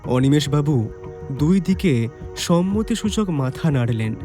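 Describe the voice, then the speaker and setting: A man narrating a detective audio story in the first person, telling it in a lively storyteller's way, with faint music behind. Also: on the high side, measured pace.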